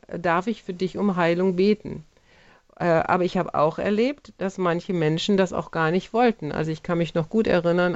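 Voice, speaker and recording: A woman's voice: lowish voice, darkish tone, no room sound. A middle-aged woman, a physician, earnestly telling personal faith stories in an interview, with many fillers. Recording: dull, muffled, dry sound.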